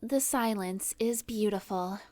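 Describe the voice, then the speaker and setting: A woman voicing a menacing ship computer in a science fiction audio drama, refusing with flat, formal courtesy. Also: mid-range voice, measured pace, dry recording, clean studio sound, natural voice. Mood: coldly menacing. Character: eerily polite, menacing female rogue ship computer.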